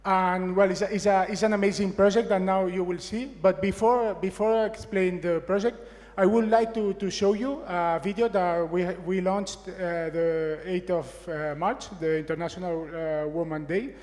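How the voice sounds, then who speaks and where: Halting man speaking on a conference stage. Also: high-pitched, steady tone, darkish tone, big-room sound. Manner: halting, many restarts and fillers. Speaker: corporate speaker. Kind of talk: conference talk.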